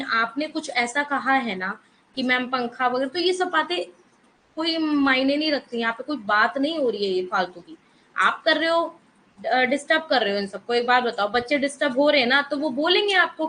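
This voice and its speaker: A woman's voice: high voice, pushed and bright, a little hiss or hum, low-quality recording. A woman teaching an online economics class, mixing in English terms and firmly scolding students in the chat. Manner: mixes Hindi with English terms.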